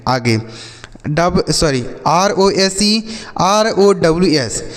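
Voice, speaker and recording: A man's voice: sits high, lively intonation, drawn-out words, big-room sound. A man teaching children English spellings and meanings, spelling words out letter by letter and answering his own questions.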